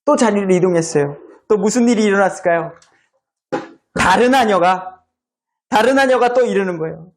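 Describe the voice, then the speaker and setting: A man's voice: high voice, moderate pace. A male pastor preaching a sermon in a church, retelling a story with acted-out voices.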